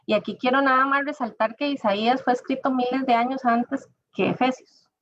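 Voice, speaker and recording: A woman's voice: high-pitched, fairly even intonation, fairly quick, a bit bright, no room sound. A woman giving an informal sermon, talking conversationally and addressing listeners directly. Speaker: church speaker. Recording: dull dry lo-fi recording.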